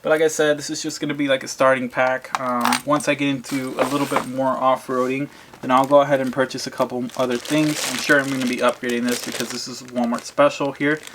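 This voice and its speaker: With a brisk, level delivery at medium pitch, a man casually explains things to viewers in an unboxing vlog, keeping it informal and plain-spoken. The recording is clear, with audible background noise and crinkling packaging.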